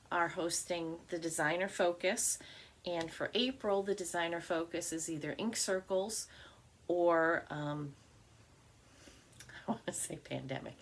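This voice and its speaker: A woman's voice: fairly low pitch, a bit bright, slight background noise. A middle-aged woman chatting casually about her stitching, rambling with fillers and restarts. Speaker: cross stitch vlogger. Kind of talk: casual chat.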